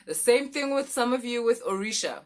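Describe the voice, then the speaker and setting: A woman's voice: fairly high pitch, animated, moderate pace. A woman giving a casual, intimate spiritual oracle reading like a fortune teller, talking familiarly and emphatically to viewers with rhetorical questions and frequent check-ins.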